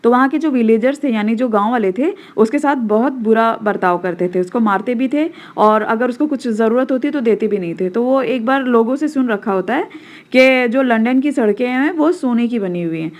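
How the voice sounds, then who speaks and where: A woman's voice: a little high, expressive, normal speed. A woman with an Indian accent, teaching a school textbook lesson and switching between Hindi and English, explaining step by step and checking that students follow.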